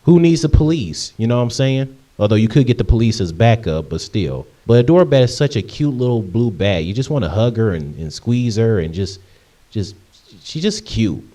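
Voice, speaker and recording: A man in his late twenties from Michigan answers viewer questions in a casual Q&A vlog. His low-leaning, mellow voice is very animated at a moderate pace, and he rambles chattily with frequent ums and restarts.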